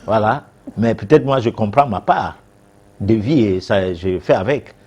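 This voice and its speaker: A man's voice: on the low side, animated, a little slow, a little mellow, husky, faint music behind. A man, a guest expert on a TV talk show answering viewers' questions, hesitant with many fillers and restarts.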